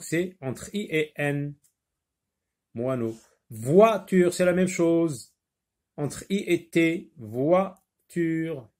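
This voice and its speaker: A man teaching a phonics lesson, repeating words slowly and patiently, sometimes explaining in Arabic. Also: medium pitch, darkish tone. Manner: switches briefly into Arabic to explain. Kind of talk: primary school phonics lesson.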